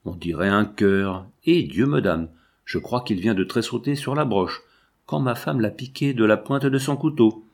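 A man's voice: fairly low pitch, moderate pace, gravelly. A man voicing a burly male farmer gripped by fear, speaking in a shaky, faltering way. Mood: terrified.

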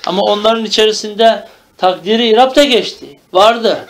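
A man's voice: high-pitched, normal speed, slight background noise. A man teaching a classical grammar text, reading each Arabic phrase and then explaining it in Turkish, often checking with "tamam?". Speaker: religious teacher.

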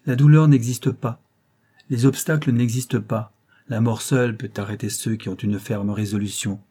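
A man's voice: fairly low pitch, little pitch movement, moderate pace, darkish tone, slightly rough. A man reading a novel aloud and voicing a proud, strong-willed young actress who speaks curtly and with command. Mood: defiant. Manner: curt, commanding, defiant.

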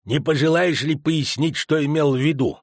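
A man playing a gruff, thoughtful dwarf leader in a storybook. He speaks slowly and with care, in a gravelly, husky voice, recorded dry. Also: a little high, dry recording.

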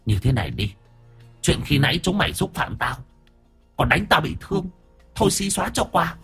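A spiteful centuries-old ghost woman of the river, as a male storyteller puts her on, with a husky, hissing voice that sneers and menaces. Her pitch swings wildly, high and low, over a faint music bed. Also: sing-song, normal speed, fairly bright tone, full character voice. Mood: bargaining.

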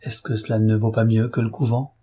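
A man reading the lines of an eager, caring married woman in a storybook, voicing her a little higher than his own voice. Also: flat delivery, brisk, warm tone, breathy edge.

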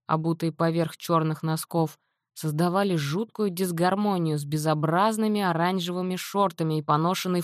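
A woman narrating a novel in the first person with a measured, wry reading. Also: on the low side, dry recording, clean studio sound. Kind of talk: audiobook narration.

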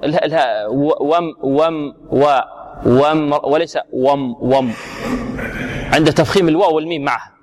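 A man teaching Quran recitation, drawing words out slowly and quizzing his students on pronunciation rules. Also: fairly high pitch, a little mellow. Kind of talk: tajweed lesson with students.

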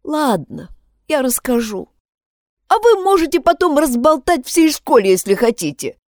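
Woman reader playing a high, tearful teen schoolgirl, pleading, dry close read. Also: very animated, measured pace, a little mellow, no room sound, exaggerated voice. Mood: confessing. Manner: pleading, sobbing outbursts. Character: distraught teenage schoolgirl, guilty and tearful. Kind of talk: audiobook character voicing.

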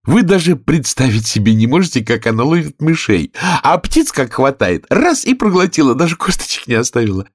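A man's voice: medium pitch, big pitch swings, fairly quick, breathy edge, no room sound, studio quality, pitched above the performer's own voice. A man voicing a polite, curious young girl in a storybook reading, speaking eagerly in a raised voice. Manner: polite, eager, rising questions.

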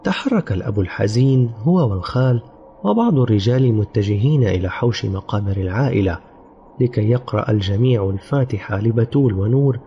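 A man giving a grave, dramatic reading of a dark story as an audiobook narrator. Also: on the low side, highs cut off, slight background noise. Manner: grave storytelling, sometimes voicing characters.

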